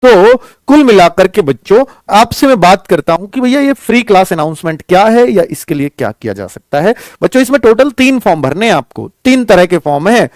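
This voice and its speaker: A man with a high, sing-song voice talks briskly with few pauses, recorded clean in a studio with no echo. He's a coaching teacher and channel host announcing a class, giving an informal, explanatory talk to students he addresses as children. He checks in with them often, using frequent check-in phrases.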